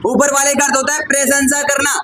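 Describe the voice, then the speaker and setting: A male teacher leads a grammar lesson in a classroom, his voice very high for a man. He keeps checking with the students, calling them brother and son. A faint hum of the room sits behind him. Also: completely flat delivery, fast, bright, forceful tone, poor audio. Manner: addresses students as "bhai" and "beta", asks frequent check questions.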